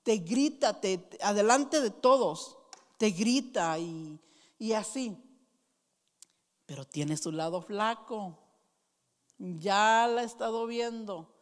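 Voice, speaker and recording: A woman pastor preaching a sermon and telling personal stories, slow and earnest, with frequent restarts. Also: on the high side. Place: church hall. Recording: long reverb of a church hall.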